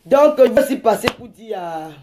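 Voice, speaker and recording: High-voiced woman in her 40s ranting on a live stream, combative, rambles and yells at commenters. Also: expressive, moderate pace. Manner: combative, insulting, rambling, bursts into shouting.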